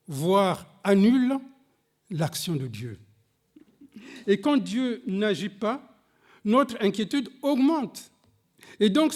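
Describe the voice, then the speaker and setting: With a darkish tone, a non-native French speaker delivers a sermon at a church service, reading scripture aloud and addressing the congregation head-on. He preaches slowly and emphatically, his pitch swinging dramatically.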